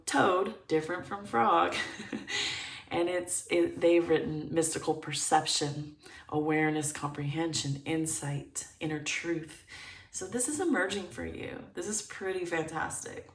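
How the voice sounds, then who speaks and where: A tarot reader guides a pick-a-card reading in a low, unhurried, fairly even voice, thinking aloud and pausing to find words while staying upbeat. She sits a little away from the mic in an echoey room.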